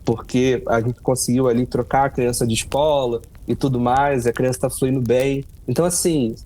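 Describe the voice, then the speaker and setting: A man's voice: mid-range voice, moderate pace. A man from Rio de Janeiro with a Carioca accent, a tarot reader talking in a casual interview, telling stories with lots of fillers and restarts. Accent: Carioca Brazilian Portuguese. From Brazil, Rio de Janeiro. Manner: animated storyteller, many fillers and restarts.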